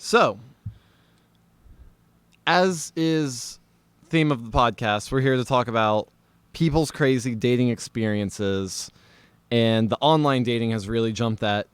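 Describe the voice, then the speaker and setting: A man co-hosting a podcast, telling a story in casual chat with animated, laughing delivery. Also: medium pitch, unhurried, pauses often, clean tone, dry recording. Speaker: podcast co-host.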